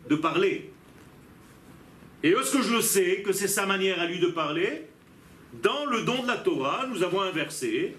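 A man's voice: high-pitched, a bit bright, a little hiss or hum. A man teaching a religious lesson as a rabbi, emphatic and posing rhetorical questions to his listeners. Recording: echoey room.

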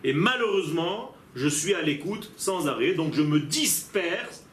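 A man's voice: a little high, very animated, measured pace, fairly bright tone, a little hiss or hum. A man teaching a religious lesson as a rabbi, emphatic and posing rhetorical questions to his listeners. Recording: echoey room.

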